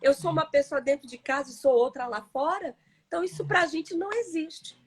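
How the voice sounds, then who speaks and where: A woman's voice: high voice, brisk. A middle-aged woman, a pastor's wife speaking earnestly as a guest, in a preaching tone. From São Paulo, Brazil. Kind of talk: sermon-like talk in a live interview.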